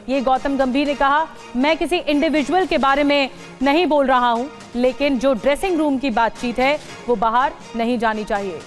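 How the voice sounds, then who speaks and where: A woman anchors a news bulletin in a crisp, formal tone, with a high voice. Faint music sits beneath her.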